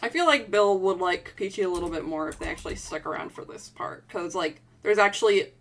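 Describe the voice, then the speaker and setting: A woman's voice: on the low side, quick pace. A woman hosting a game stream with friends, chatting casually with lots of fillers and sounding hyped. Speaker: stream host.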